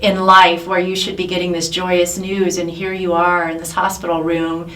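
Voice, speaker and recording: A woman's voice: on the low side, flat delivery, moderate pace, a bit bright. A woman in her fifties co-hosting a faith talk show, reflective and affirming as she leads the talk and reads scripture. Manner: reflective and affirming, leading the discussion. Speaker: co-host. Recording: roomy sound from a distant mic.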